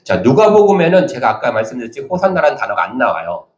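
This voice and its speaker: A man's voice: mid-range voice, fast talker. A man preaching a sermon as pastor, talking animatedly and acting out the lines he quotes. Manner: animated, acts out quoted speech. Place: church sanctuary. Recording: echoey church hall.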